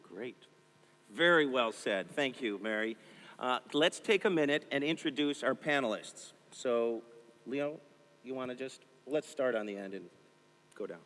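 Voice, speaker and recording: A man's voice: medium pitch, expressive, a little slow, a bit bright. Male panel host, upbeat, encouraging, conference hall echo.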